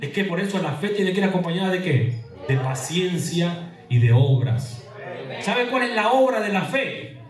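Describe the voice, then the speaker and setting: Man, pastor, sermon, call-and-response questions, high voice, distant roomy church sound. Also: lively intonation, normal speed. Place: church hall. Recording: echoey church hall from far off.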